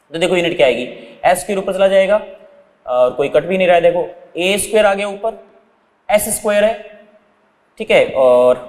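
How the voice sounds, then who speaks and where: Man, physics teacher, high voice, reverberant classroom sound. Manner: explaining step by step, often asking and answering his own questions; calls his students "beta". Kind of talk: whiteboard physics lesson.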